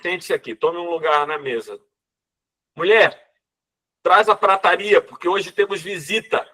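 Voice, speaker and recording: A man voicing a kind old bishop who welcomes a stranger warmly and firmly. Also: a little high, expressive, normal speed, distant mic, pitched above the performer's own voice. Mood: welcoming. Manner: warm, hospitable, firm.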